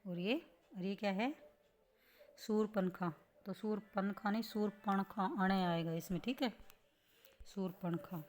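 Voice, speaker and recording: A woman's voice: mid-range voice, unhurried, pauses often, a little mellow, slight background noise. A woman teaching a grammar lesson on correct spelling, explaining patiently step by step and asking rhetorical questions as she goes. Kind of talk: spelling lesson for exam students.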